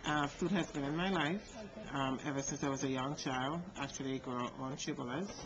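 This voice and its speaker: A woman's voice: a bass voice, moderate pace, a crowd in the background. A woman from Trinidad and Tobago giving a short interview answer, plain and with fillers. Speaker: chef. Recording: dull sound with clear background noise.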